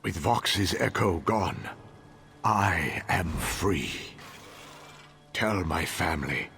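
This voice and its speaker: A man playing an anguished, dying townsman spirit in a video game, speaking solemnly and haltingly with weary, dramatic pauses. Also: deep voice, animated, gravelly, bright, forceful tone, a little hiss or hum, full character voice. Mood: weary, fading. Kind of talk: video game character acting.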